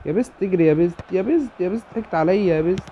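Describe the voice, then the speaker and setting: A man with an Egyptian Arabic accent giving excitable live commentary on his own football video game match, cheering and groaning at the play. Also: sits high, racing, dull audio, a little hiss or hum. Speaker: gamer.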